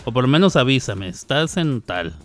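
A man's voice: medium pitch, very animated, moderate pace, slight background noise. A man hosting a radio show, chatting casually and teasingly as he reads listener messages. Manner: chatty, teasing, wanders between loud and soft. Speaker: radio host.

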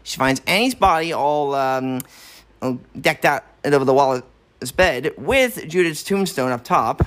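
A man co-hosting a podcast, casually recapping a horror film, animated and swearing freely. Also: a little high, a little slow. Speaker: podcast co-host.

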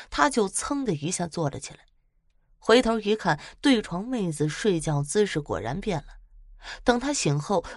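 A woman casually retelling spooky stories in a chatty, lively way, with dramatic swells. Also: fairly low pitch, no room sound, clean studio sound. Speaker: storyteller.

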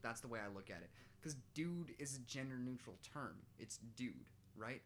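A man's voice: mid-range voice, animated, normal speed, a little hiss or hum. A man co-hosting a casual podcast chat, rambling and playful, with lots of fillers and restarts.

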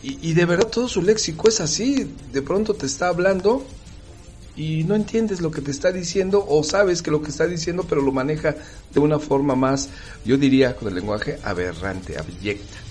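A man's voice: fairly high pitch, expressive, normal speed, darkish tone, soft background music. A man, hosting a casual talk aimed straight at the listener. He asks rhetorical questions and acts out little dialogues.

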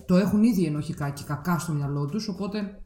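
A woman in her thirties telling a personal story in casual podcast chat, candid and animated when she quotes others. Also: on the low side, roomy sound. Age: 30s.

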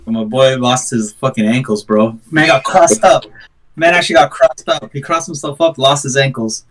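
A man's voice: medium pitch, moderate pace, a bit bright, rough recording. A man co-hosting a casual podcast with brash, sweary frat-bro banter.

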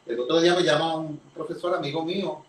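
A man with a Puerto Rican accent, an archaeologist guest, explaining in a measured, lecturing way during a conversational interview. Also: a little high, steady tone. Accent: Puerto Rican Spanish. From Puerto Rico. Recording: roomy, distant mic with faint noise.

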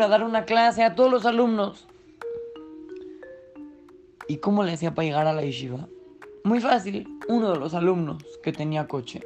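A man telling a story to children and speaking directly to them in an unhurried way. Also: sits high, darkish tone.

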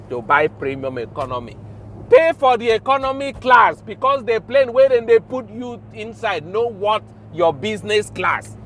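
A man with a notably high voice and a Nigerian accent delivers an informal rant as a show host. He speaks haltingly and emphatically, often repeating himself. There is faint noise behind him, like urban or vehicle ambience. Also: fairly bright tone. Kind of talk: informal spoken rant in Pidgin.

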